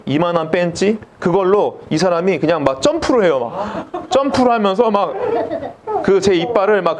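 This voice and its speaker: A middle-aged man preaching with high, bouncy pitch that swoops up and down. He tells a funny personal story and acts out every line of dialogue. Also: slight background noise. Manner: animated, comic storytelling with acted-out dialogue. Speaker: pastor. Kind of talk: storytelling sermon.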